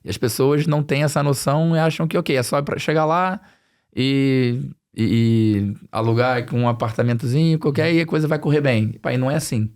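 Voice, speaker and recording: Steady and a little mellow, the man speaks at a medium pitch and moderate pace. As a podcast guest and financial planning expert, he talks conversationally in a Brazilian Portuguese accent touched by European Portuguese, echoing phrases for emphasis.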